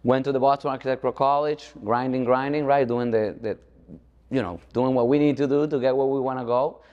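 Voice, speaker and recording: A man from the Dominican Republic appears as an architect guest in a conversational interview, speaking informally and often checking in with the listener. His medium-pitched, darkish voice moves a little fast with fairly even intonation. The audio is dull and carries echoey, hall-like reverb.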